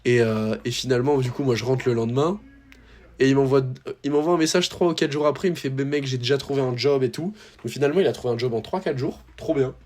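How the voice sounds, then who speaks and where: A man's voice: medium pitch, quick pace, a little mellow. A young man from France telling a rambling, slangy story to his viewers, with lots of fillers and restarts. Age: young adult. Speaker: tennis YouTuber.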